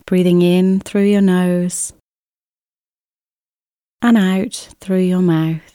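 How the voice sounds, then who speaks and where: A woman guides a relaxation exercise in a mellow, smooth voice. She moves very slowly through each scripted instruction, gentle and soothing, leaving unhurried pauses. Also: fairly low pitch, fairly even intonation, no room sound, clean studio sound. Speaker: relaxation therapist guiding an exercise. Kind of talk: scripted guided relaxation, body scan meditation.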